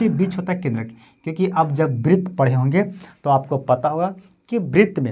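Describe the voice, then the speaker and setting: Repetitive Hindi physics teacher with Bihari accent. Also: male voice, fairly high pitch, darkish tone, muffled recording. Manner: repetitive, checks with 'समझे?' and 'है ना'; asks questions then answers them himself. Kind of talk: classroom physics lesson.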